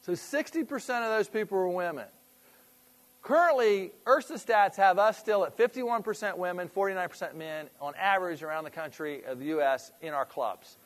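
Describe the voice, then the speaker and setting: A man with a slightly raised pitch gives an informal business presentation to a live group. He talks conversationally, throws questions out to the audience and often trails off and restarts mid-sentence. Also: moderate pace. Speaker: presenter at a fitness club industry meeting.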